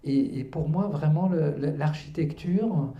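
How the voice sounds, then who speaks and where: A man's voice: a little high, unhurried, echoey room, highs cut off. A man in his fifties, born in Algeria and raised in Paris, speaking earnestly as the guest at a public book talk, with many hesitations and restarts. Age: 50s. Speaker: author and guest. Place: cultural centre hall.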